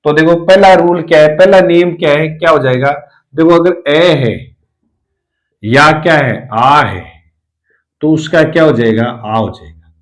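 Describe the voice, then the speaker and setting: Male teacher, fairly high voice, repetitive step-by-step lesson delivery. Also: unhurried, rough recording. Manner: repeats rules and asks rhetorical questions. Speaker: Hindi lecturer teaching spelling rules. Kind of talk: classroom lesson explanation.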